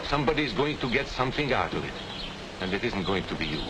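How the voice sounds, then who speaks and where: An actor playing an earnest former professor from Hungary, lecturing in a measured way on an old, hissy film soundtrack. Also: male voice, on the low side, sing-song. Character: calm, wise older male émigré professor. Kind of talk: 1940s film acting.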